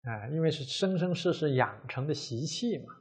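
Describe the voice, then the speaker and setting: A man giving a measured Buddhist dharma lecture, drawing out his phrases and filling pauses with many drawn "ah" sounds. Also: a little high, expressive, breathy edge.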